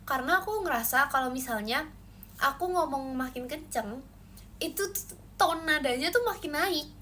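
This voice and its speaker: A woman's voice: normal speed, slight background noise. Playful young woman chatting on a livestream. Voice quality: says her own voice gets shrill when loud. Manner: playful, animated, reading and answering comments. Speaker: idol livestream host. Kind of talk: casual livestream chat with viewers. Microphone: phone livestream.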